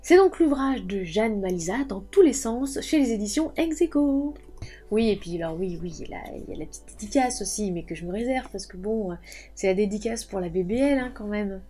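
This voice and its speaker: A woman's voice: medium pitch, expressive, fairly quick, mellow, breathy edge, soft background music. A thirty-year-old woman, a book reviewer, chatting enthusiastically while unboxing parcels. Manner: chatty and enthusiastic, often says "justement" and "effectivement". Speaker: book reviewer and channel host. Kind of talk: casual unboxing chat.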